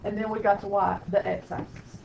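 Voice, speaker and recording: A woman's voice: medium pitch, little pitch movement, moderate pace, gravelly, a little mellow, a little hiss or hum. A woman math teacher, lecturing a classroom with playful, sarcastic teasing of her students. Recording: echoey classroom, distant lo-fi mic.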